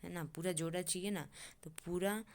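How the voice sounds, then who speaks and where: A woman's voice: lowish voice, steady tone, moderate pace, darkish tone. A young woman teaching memory tricks for an exam, who keeps repeating herself and checking that the listener follows. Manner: repetitive, keeps asking "ठीक है?" and checking on the listener.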